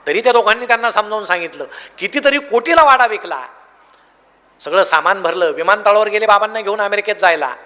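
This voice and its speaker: A man's voice: high-pitched, lively intonation, fairly quick, sharp tone. A man giving a motivational talk, telling anecdotes and acting out their dialogue. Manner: tells anecdotes, acts out dialogue. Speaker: motivational speaker. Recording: long hall reverb.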